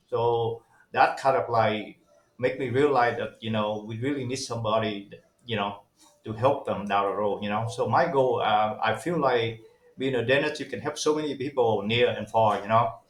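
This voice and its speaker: A man in his forties from Vietnam speaks English as a second language, with a middle pitch. He talks in a loose, halting way, full of fillers and restarts. The sound is roomy and echoey. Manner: hesitant, many fillers and restarts. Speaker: guest dentist. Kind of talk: casual interview talk.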